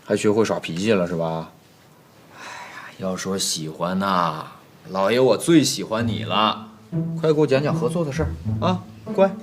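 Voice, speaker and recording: An actor playing an exasperated, flustered household master. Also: male voice, on the high side, expressive, fast talker, hardly any pauses, dark tone, close to an everyday voice. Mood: coaxing. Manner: exasperated, scolding, jumps between coaxing and alarm. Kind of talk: comedic period TV drama. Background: background music.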